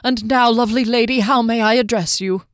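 A woman voicing a small, tipsy, overly polite male halfling gentleman who rambles fussily. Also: fairly high pitch, steady tone, fairly quick, no echo, clean studio sound, voice pushed up, close to an everyday voice. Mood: genial rambling.

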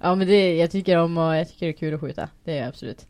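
A young woman telling animated stories in casual chat, acting out quoted shouts and laughing often. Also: on the low side, dry recording. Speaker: guest.

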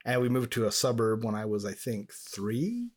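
A man's voice: medium pitch, lively intonation, normal speed. A man from Montreal, Canada, co-hosting a casual podcast chat and rambling through stories. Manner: chatty, rambling storyteller. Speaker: podcast co-host.

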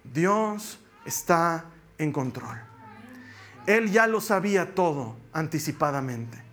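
High-voiced man preaching with emphatic repetition. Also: lively intonation, slow, fairly bright tone. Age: adult with a young daughter. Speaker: pastor. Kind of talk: sermon. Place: church.

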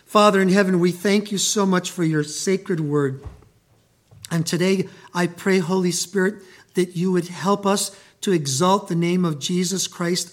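In a church, an Italian-native pastor with a high voice delivers a sermon that combines scripture reading with prayer. His reading is slow and emphatic, rising to a loud proclamation. His praying is soft and hushed.

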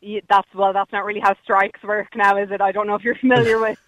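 A woman's voice: medium pitch, flat delivery, quick pace, highs cut off, crowd noise. A woman with a west of Ireland accent, calling in to a radio phone-in to debate, challenging but hesitant with ums. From Galway, west of Ireland. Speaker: phone-in caller.

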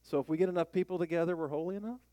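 A man pastor giving a conversational sermon, plain-spoken and animated, asking the congregation questions as he reads scripture. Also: fairly high pitch, very fast, no echo.

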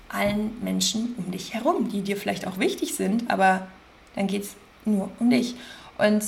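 A woman hosting a podcast, gently guiding listeners through self-reflection, slowly repeating questions and stressing single words. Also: mid-range voice, vocal fry, a little hiss or hum. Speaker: podcast host, coach. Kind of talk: guided self-reflection talk.

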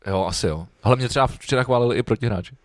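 A man's voice: mid-range voice, no echo, clean studio sound. Laid-back man, swearing and laughing. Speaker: podcast co-host. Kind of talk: casual chat.

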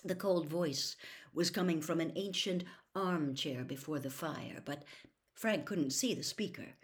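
A woman's voice: deep voice, unhurried. A woman reading a novel aloud as a storyteller, dramatic and dropping to a whisper for suspense.

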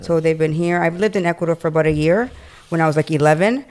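A woman's voice: low-pitched, quick pace, a little mellow. A young woman from Canada, a realtor and studio owner, chatting casually in an interview with plenty of "like" and "um" fillers.

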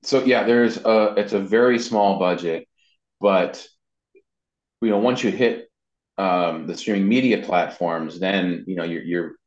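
A low-pitched, unhurried male voice tells anecdotes about his work as a guest in a loose, casual interview. He works as a voice actor and web designer. The sound quality is dull and roomy, with a lo-fi feel.

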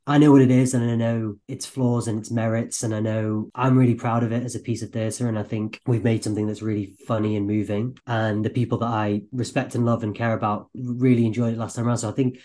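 A man being interviewed about his work as a writer and performer, talking casually and quickly in a podcast studio, with many restarts and self-deprecating asides. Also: lowish voice, dark tone.

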